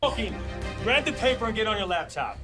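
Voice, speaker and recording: Actor as bossy high-voiced kidnapper. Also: male voice, very animated, a little fast, over music. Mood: threatening. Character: bossy, threatening male kidnapper giving curt orders. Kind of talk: scripted drama acting.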